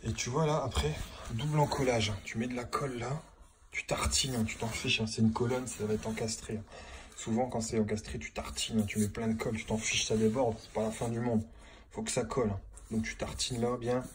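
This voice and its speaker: Male tradesman, plumber type, mid-pitched, talking loosely to camera while he works, recorded on a handheld phone with clear site noise and clicks behind him. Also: flat delivery, fairly quick. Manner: chatty and informal, keeps saying "tu vois" to the viewer. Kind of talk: casual on-the-job how-to. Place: indoor building site under renovation. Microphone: phone held in hand while working.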